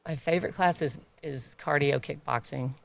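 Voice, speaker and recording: A woman's voice: low voice, normal speed, vocal fry. A woman who owns a gym, chatting in a podcast interview, laughing often and getting emotional about her members. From United States. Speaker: gym owner and trainer.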